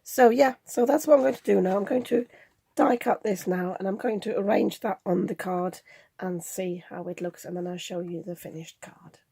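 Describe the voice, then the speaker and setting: A woman with a croaky, cold-roughened voice that sounds very gravelly and husky. She chats through a crafting tutorial, thinking aloud as she goes. Her tone is dark and mellow, recorded close and dry. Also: medium pitch, moderate pace, dry recording. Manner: chatty, thinks aloud while working. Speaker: card-making channel host.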